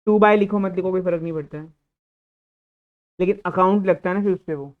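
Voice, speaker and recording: A man's voice: sits high, a little fast. A man teaching an accounting class, who poses questions and answers them himself. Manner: explains by asking and answering his own questions; scolds a student. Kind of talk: classroom lecture. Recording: tinny, phone-like lecture recording.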